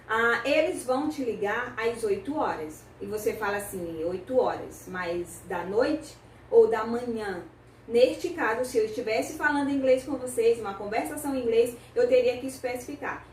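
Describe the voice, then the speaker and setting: High-voiced woman teaching in an echoey room. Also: slight background noise. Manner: slow, careful modeling of English phrases. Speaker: English teacher. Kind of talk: online language lesson. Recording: echoey room, mic at a distance.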